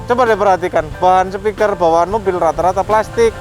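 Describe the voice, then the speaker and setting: A man gives casual, practical explanations in an informal way. Music plays clearly behind him. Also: high voice, a little fast, low-quality recording. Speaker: car audio expert giving tips. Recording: loud music under the talk.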